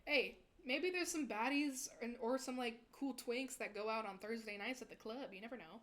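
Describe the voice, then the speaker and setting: A woman's voice: fairly high pitch, moderate pace, a bit bright. A young woman VTuber chatting casually with her stream viewers, rambling and giggling often.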